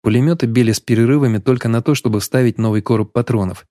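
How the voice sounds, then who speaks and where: A man narrating a first-person audiobook story in a steady, even way. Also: mid-range voice, quick pace, no echo, studio quality.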